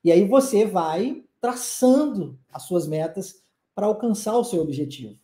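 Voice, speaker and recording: A woman with a Brazilian Portuguese accent teaching English in a live online lesson. She keeps checking in with the listener, and she says the English model sentences slowly and deliberately. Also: medium pitch, roomy sound. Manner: lively, coaxing, with frequent check-ins to the listener.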